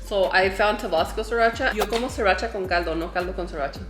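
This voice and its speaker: A woman's voice: mid-range voice, quick pace, echoey room, over music. A woman co-hosting a casual eating vlog, chatting easily and slipping Spanish words into her English. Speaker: vlog co-host. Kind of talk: casual mukbang chat.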